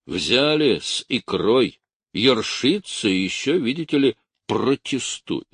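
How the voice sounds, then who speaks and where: A man voicing a calm, mocking gendarme captain giving orders. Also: medium pitch, slow pace, breathy edge, dry recording, clean studio sound, voice pushed up, heavily acted. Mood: commanding. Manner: unruffled, sardonic.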